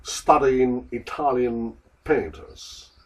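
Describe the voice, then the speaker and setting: A man slowly and carefully repeating lines for a language lesson. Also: mid-range voice, steady tone, distant mic, slight background noise, poor audio. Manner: slow, careful, repetitive. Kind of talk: slow repeat-after-me drills.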